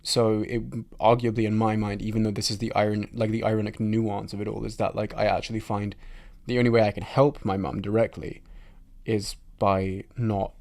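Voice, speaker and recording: Guy hosting a podcast, lowish voice, blunt and swears a lot, thinking out loud. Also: little pitch movement, normal speed, gravelly. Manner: frank, reflective, swears freely. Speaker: podcast host. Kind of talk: casual chat.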